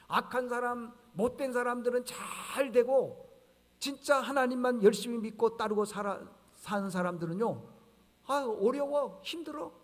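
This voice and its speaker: A male pastor delivers a sermon in a high, carrying voice. He preaches conversationally, asks the congregation rhetorical questions and acts out dialogue. The church hall leaves a long reverb on every phrase. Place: church sanctuary.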